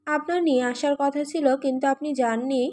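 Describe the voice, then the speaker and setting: Steady, deferential male assistant in a romance audiobook, read by a woman; high voice. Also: brisk, natural voice. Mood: calm. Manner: calm, polite. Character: calm loyal male assistant.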